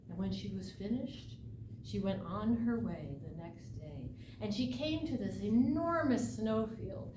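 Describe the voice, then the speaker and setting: A woman telling a folk tale aloud as a live storyteller, dramatic and deliberate, with emphatic phrases and pauses. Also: fairly high pitch. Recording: echoey, distant mic, noisy room ambience.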